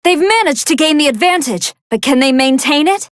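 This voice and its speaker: A woman voicing a polite, soft-hearted female android scientist who gives formal, earnest and expressive commentary on fights in a video game. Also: high-pitched, normal speed, dry recording, studio quality. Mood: composed, curious. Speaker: match commentator.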